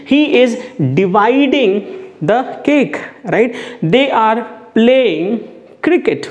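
A man's voice: high-pitched, darkish tone. A man teaching a spoken English lesson, switching between Hindi and English and drilling example sentences.

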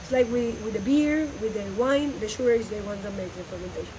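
A woman in her thirties with a Colombian Spanish accent, explaining coffee growing as a farm tour guide outdoors, in animated, non-native English. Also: fairly high pitch, fast. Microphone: phone camera a few meters away. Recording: noisy outdoor phone recording.

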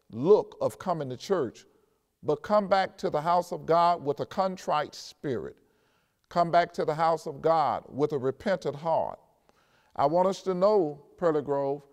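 An older pastor preaching a sermon at a pulpit in an empty church, slowing down to stress scripture and speaking straight to his congregation. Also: a little high, clean tone. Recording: long church reverb.

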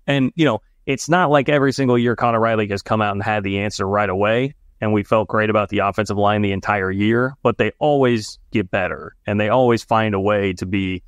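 A chatty, jokey man co-hosting a sports talk show. His voice is fairly low. It is recorded dry and close. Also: no echo. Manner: chatty, jokey, talks fast. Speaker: sports podcast co-host. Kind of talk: casual sports analysis talk.

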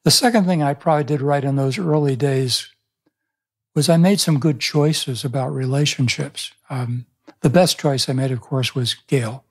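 This older man, a pastor and author in his 70s, has a mid-range voice with a breathy edge and speaks at normal speed. In a reflective interview he thoughtfully tells stories, frequently restarting his sentences, recorded in a small room indoors on a studio mic on a boom arm.

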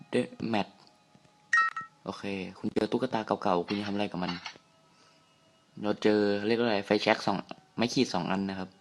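Jumpy young man narrating a horror game. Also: lowish voice. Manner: jumpy, startled outbursts and swearing, talks to viewers. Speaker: gamer playing a horror game. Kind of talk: casual let's-play commentary.

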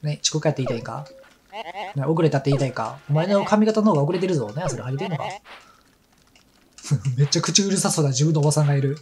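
A man's voice: a little high, quick pace, long pauses, a crowd in the background. A man with a Kansai accent chatting casually and telling rambling stories while he plays a game. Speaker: let's play commentator. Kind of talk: casual chat over gameplay. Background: game music.

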